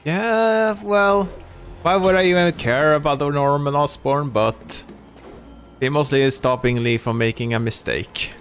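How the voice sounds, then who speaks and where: A man's voice: fairly high pitch, unhurried, fairly bright tone, faint music behind. A man commenting casually and playfully while playing a video game. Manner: casual, playful remarks over gameplay. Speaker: gaming channel host. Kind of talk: let's play commentary.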